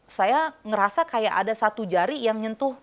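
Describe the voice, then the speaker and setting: A woman telling her personal faith story in an interview, animated and reliving the moments she describes. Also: a little high, moderate pace. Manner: animated storytelling, reenacting her own words. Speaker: church member giving testimony.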